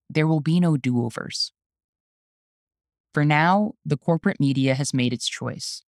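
An activist and journalist hosting the show, reading a scripted spoken essay in an earnest, urgent, deliberate way. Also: mid-range voice, darkish tone, no echo, studio quality.

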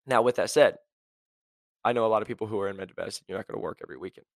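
On his motivational career podcast, a young host talks fast and bluntly with lots of energy, filling his speech with "like" and "right?". His voice sits at a normal pitch and is recorded close and dry, with no room sound at all.

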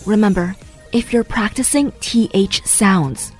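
A woman's voice: mid-range voice, a little slow, slightly rough, faint music behind. Woman narrating a pronunciation lesson. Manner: patient, explains step by step. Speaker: English teacher. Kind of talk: scripted bilingual narration.

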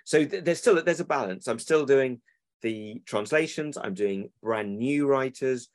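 A man's voice: mid-range voice, measured pace, dry recording. A man, a children's book publisher who rambles and corrects himself in a casual interview over a remote call.

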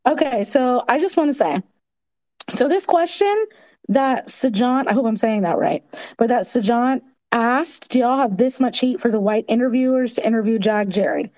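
A woman's voice: a little high, lively intonation, moderate pace, a little mellow. A woman in her forties speaking in a casual live audio chat, laying out her points one by one. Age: 40s. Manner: earnest, explains point by point. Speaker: guest commentator.

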